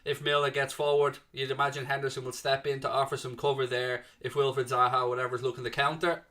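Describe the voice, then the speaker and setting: This is a young male stream host from Ireland with a South Dublin accent, reading viewer comments during a football watchalong in casual live chat. He talks fast, with a medium pitch and a level tone. Bright and chatty, he jokes around and answers the chat using "mate" and "man."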